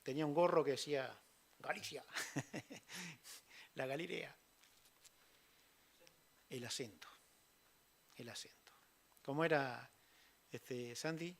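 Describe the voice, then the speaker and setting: A man preaching a sermon in a church, acting out quoted lines loudly and dropping to hushed, near-whispered asides. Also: medium pitch, slow pace, creaky, long pauses.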